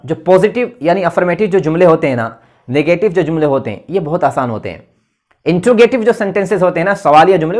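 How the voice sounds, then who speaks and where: A man teaching an English grammar lesson online, explaining patiently and repeating key points with frequent checks. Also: fairly high pitch.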